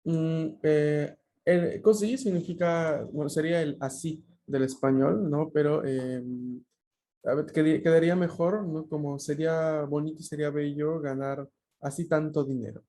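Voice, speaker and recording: A man's voice: fairly high pitch, fairly even intonation, measured pace, dark tone. A man teaching a language class over a video call, explaining patiently with frequent fillers and checking questions.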